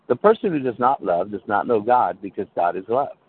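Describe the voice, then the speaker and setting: A man's voice: fairly low pitch, lively intonation, fairly quick, a little hiss or hum. A male pastor preaching a sermon over a call, checking in with his listeners and restarting phrases as he goes. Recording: tinny call line that breaks up.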